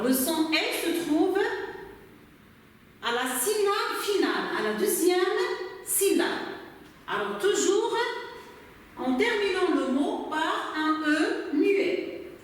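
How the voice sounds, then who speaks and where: Echoey far-off woman teacher, slow. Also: very high voice, a little hiss or hum. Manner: slow, deliberate, clapping out syllables. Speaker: primary school teacher. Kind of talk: classroom spelling lesson.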